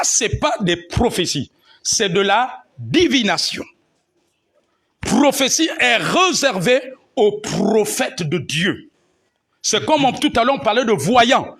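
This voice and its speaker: A man's voice: sits high, a bit bright, husky. A man preaching a teaching sermon, punctuating his points with amen and alleluia. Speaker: pastor.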